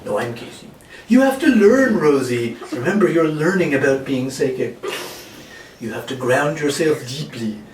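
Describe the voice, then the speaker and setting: A man's voice: mid-range voice, expressive, moderate pace, lightly acted. A man voicing a mischievous know-it-all sock puppet in an amateur comic skit, coaxing and mock-instructive. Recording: echoey room, distant mic, faint noise.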